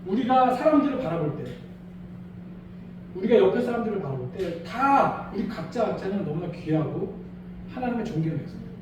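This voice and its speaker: A male pastor preaching a Sunday sermon in a small church, animated and acting out quoted voices. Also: high voice, brisk, heavy reverb, recorded from a distance, noisy background.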